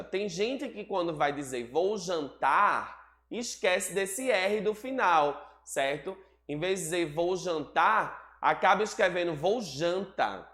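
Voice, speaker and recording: A teacher talks through a recorded lesson, often pausing to check in with the students. Example words are stretched out slowly, and the voice sits in a middle pitch. The room leaves a noticeable echo around every sentence. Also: a bit bright. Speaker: school teacher. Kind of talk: recorded remote class lesson. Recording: roomy echoey room sound.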